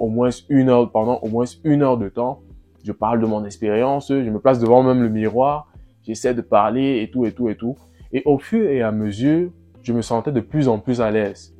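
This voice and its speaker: A man talking casually in a vlog, relaxed and repetitive, often restarting phrases and pausing on fillers. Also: medium pitch. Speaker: vlogger. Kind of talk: casual first-person vlog.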